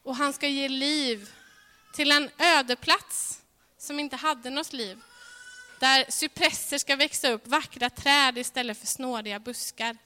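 A woman's voice: high voice, steady tone. Earnest woman preaching in a reverberant hall. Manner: earnest, swings between ringing emphasis and hushed softness. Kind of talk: sermon.

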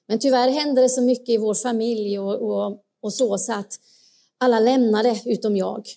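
A woman preaching a sermon, earnest and asking her listeners direct questions, dropping to a hush when she quotes a whisper. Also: on the high side.

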